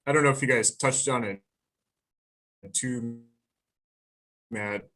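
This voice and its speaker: A man's voice: mid-range voice, pushed and bright. A man answering on a panel over a video call whose connection keeps breaking up, so his speech cuts out halfway through sentences. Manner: halting, cutting out mid-sentence.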